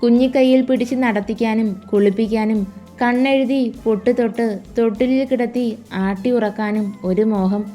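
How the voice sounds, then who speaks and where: A woman voicing a grieving, tender father who speaks slowly and heavily. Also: a little high, fairly even intonation, dark tone, soft background music, close to an everyday voice. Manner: slow, heavy, tender.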